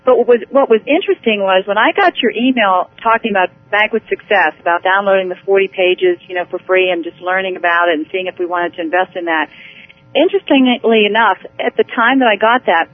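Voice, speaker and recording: An eager woman talks over a thin, phone-like line, her voice squeezed into a narrow band. She rambles with warm enthusiasm, restarting sentences as she goes. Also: medium pitch, fairly quick, slight background noise. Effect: heard over the phone. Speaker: executive director, interview guest. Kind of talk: phone interview.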